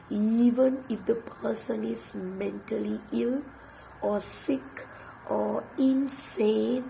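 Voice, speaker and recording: A woman who teaches English and grew up speaking Tamil reads from a book late at night, her nearly lost voice reduced by a sore throat to a breathy, hushed half-whisper. She speaks at medium pitch over poor audio with a little hiss or hum.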